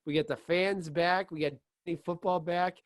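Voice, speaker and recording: A man co-hosting a casual sports podcast, excitable, rambling and full of "like" and restarts. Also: high voice, unhurried, dry recording. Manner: excitable, laughs easily. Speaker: podcast co-host.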